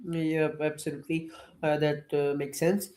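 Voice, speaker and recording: A hesitant interviewer who puts a series of questions to an AI assistant. They pause often and lean on "uh" fillers. The voice sits at an ordinary middle pitch. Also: flat delivery, a little mellow.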